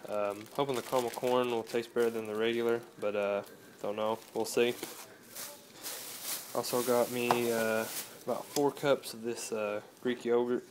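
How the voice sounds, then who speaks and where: A nineteen-year-old fitness vlogger rambles laid-back at home, talking into a close-up phone camera with plenty of "uh" fillers. His medium-pitched voice stays level at a normal speed, and there's noise in the background of the indoor room.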